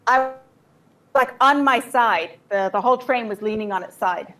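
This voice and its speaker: A woman's voice: on the high side, fairly bright tone. Woman telling a story in short bursts. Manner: vivid storytelling, pausing for translation. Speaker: guest speaker. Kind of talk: personal testimony with live interpreter.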